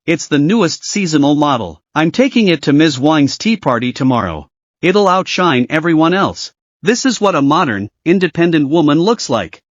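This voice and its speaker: A vain, smug young wife in a manhwa recap, boastful and scornful, as a male narrator puts her on. The voice is pitched up above his usual range and lively. The sound is dry and slightly dull. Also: normal speed, dry recording.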